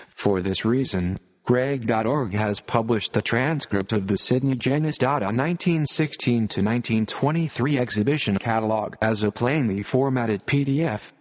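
A computer-generated male voice like an old speech synthesizer, reading scripted narration with stiff, robotic, measured phrasing. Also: medium pitch, big-room sound. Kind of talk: scripted narration, read aloud.

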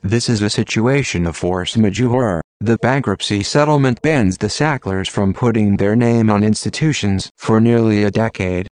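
A man's voice: lowish voice, normal speed, few pauses, darkish tone, dry recording. A computer-generated male voice like an old speech synthesizer, reading formal text as scripted narration with mechanical, stilted phrasing. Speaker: automated narrator of an audio series. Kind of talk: scripted read-aloud narration of formal texts.

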